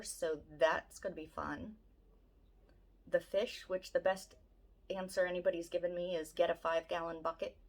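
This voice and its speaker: A woman about to turn fifty with a Philadelphia-area accent, chatting casually to camera in a rambling, self-deprecating way. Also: lowish voice. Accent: Philadelphia-area American. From Southeast Pennsylvania, USA. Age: late 40s, turning fifty. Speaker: vlogger.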